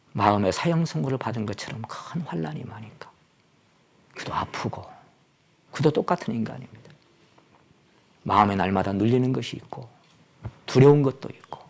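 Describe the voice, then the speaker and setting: A man's voice: medium pitch, gravelly. Dramatic male pastor preaching. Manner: dramatic, swings from loud exclamations to near-whispers. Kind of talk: sermon.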